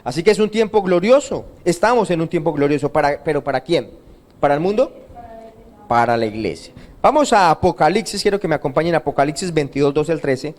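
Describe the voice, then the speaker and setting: A Colombian male pastor preaches at a church service in a voice that sits high for a man, slightly mellow, fairly quick and lively in intonation. He keeps asking the congregation questions and answering them himself in a call-and-response rhythm.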